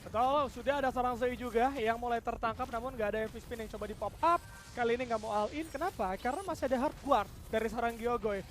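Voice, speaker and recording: Very high, rapid-fire woman game announcer. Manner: excitable fighting game announcer delivery, rising in action. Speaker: esports match commentator. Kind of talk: fast esports play-by-play commentary.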